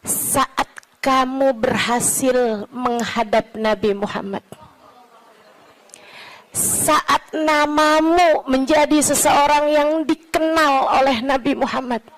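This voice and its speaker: Middle-aged lady preacher, high voice, goes soft then builds up big. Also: takes it slowly, low-quality recording. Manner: emotive preaching, from soft murmurs to rising declamation. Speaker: religious teacher. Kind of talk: sermon.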